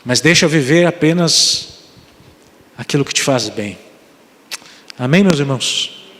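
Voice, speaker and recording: Brazilian Portuguese pastor in reverberant church. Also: male voice, on the high side, lively intonation, a little slow, fairly bright tone. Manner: earnest, appealing to the congregation. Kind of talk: sermon and prayer. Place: church sanctuary.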